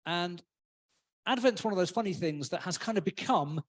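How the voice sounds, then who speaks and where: A man's voice: high-pitched, lively intonation, normal speed. A man giving a casual, humorous sermon in a church, often acting out voices. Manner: chatty, humorous, acts out voices. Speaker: preacher.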